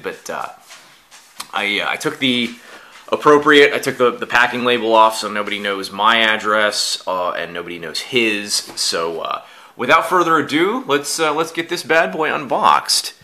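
A man chatting casually for an unboxing vlog, groggy and halting as if he just woke up. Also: lowish voice, sharp tone. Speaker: YouTube vlogger.

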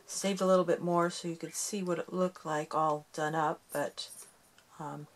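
A woman's voice: low voice, steady tone, moderate pace. A woman hosting a casual craft tutorial, chatty and self-deprecating as she talks through each step while working with her hands.

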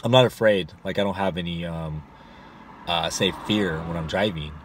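A man's voice: low voice, normal speed, slight background noise. A man in his forties, a rideshare driver, giving casual advice to a dashboard camera in his car, rambling with many fillers and restarts. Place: inside a parked car.

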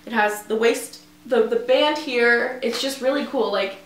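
A woman's voice: on the high side, measured pace, echoey room. A young woman in a casual haul video, chatting upbeat with lots of "like" and "um", seated in a small room and recorded by a camera at medium distance. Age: young adult. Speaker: fitness vlogger. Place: small indoor room, seated before a tapestry.

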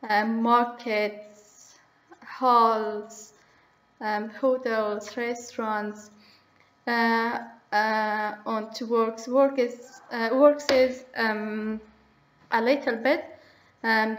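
A teenage girl from Afghanistan, speaking English haltingly and pausing often to search for words. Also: a little high, fairly bright tone, roomy sound, low-quality recording. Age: teens. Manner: hesitant, searching for words, many pauses. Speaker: young migrant speaking about herself. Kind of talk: halting personal monologue in a second language.

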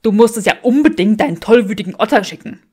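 A cold, arrogant young wizard, as a woman reading a fan fiction audiobook plays him. He fires back loud, clipped and contemptuous. The voice stays near her own middle pitch. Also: expressive, fast, husky. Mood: scornful.

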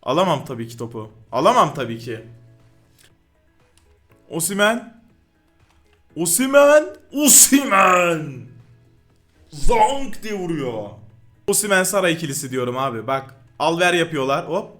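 A man giving live commentary over his own football video game match, excitable and quick to yell in frustration at the game. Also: on the high side, soft background music. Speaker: gaming YouTuber.

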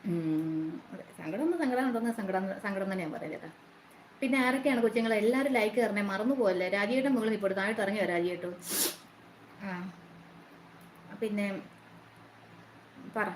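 A woman's voice: medium pitch, a little fast, pauses often. Woman chatting on a live stream, roomy echo, bit of hiss, greets everyone by name. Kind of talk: casual live chat with viewers. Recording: roomy echo, faint noise.

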